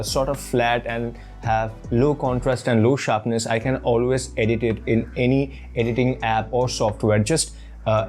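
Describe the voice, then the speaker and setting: Male tutorial host, mid pitch, tidy and encouraging advice delivered step by step, faint music underneath. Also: a little mellow. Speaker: host of a tech tutorial channel. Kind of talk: scripted tutorial narration, addressing viewers. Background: background music.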